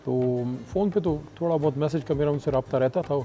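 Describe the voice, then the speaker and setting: A man as a guest in an interview, recalling past events in a relaxed way, mixing in some English. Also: fairly high pitch, muffled recording. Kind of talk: casual interview chat.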